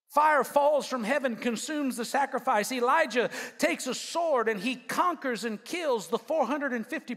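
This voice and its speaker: High, bright-voiced preacher in a hall. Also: male voice. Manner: emphatic, leads call-and-response, humorous asides. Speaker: pastor. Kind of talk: sermon. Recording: long reverb of a large hall.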